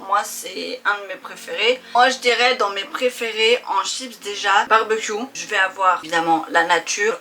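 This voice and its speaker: A woman's voice: medium pitch, pushed and bright. A woman hosting a casual, chatty tasting vlog, speaking informally and playfully to her viewers. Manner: informal, playful familiar address with pet names. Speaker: host of a snack-tasting video.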